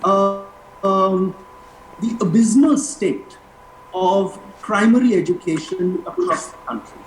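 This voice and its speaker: A man's voice: high-pitched, soft background music. Roomy-sounding man, emphatic. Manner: measured, emphatic, with deliberate pauses. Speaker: panel guest, school alumni representative. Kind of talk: panel discussion, emphatic speech-like argument. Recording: roomy, noisy remote call audio.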